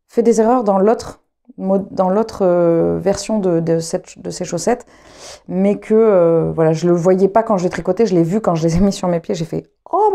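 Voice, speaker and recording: Mellow-voiced woman chatting casually. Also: fairly low pitch, gravelly. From France. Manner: rambling, many fillers and restarts. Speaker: knitting vlogger and trumpet player. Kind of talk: casual chat to camera.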